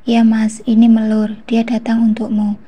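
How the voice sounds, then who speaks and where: A woman reading the lines of a gentle, protective young man in a story. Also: a little high, monotone, normal speed, slightly rough, lo-fi sound. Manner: soft-spoken.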